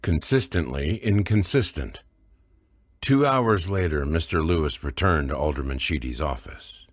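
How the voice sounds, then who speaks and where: A man narrating an audiobook in a dry, measured storytelling voice. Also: very deep voice, expressive, no echo.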